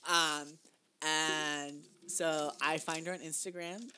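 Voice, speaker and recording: A man's voice: on the high side, flat delivery, slow, bright, forceful tone, slight background noise. A young man co-hosting a casual podcast, telling a family story in a rambling way with lots of fillers and restarts. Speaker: podcast co-host. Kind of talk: casual chat.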